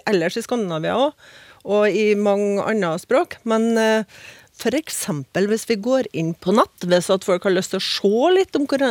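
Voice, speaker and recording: A woman's voice: medium pitch, a little mellow, no room sound. A woman on a radio language panel, patiently explaining grammar with examples and tag questions, recorded in a studio.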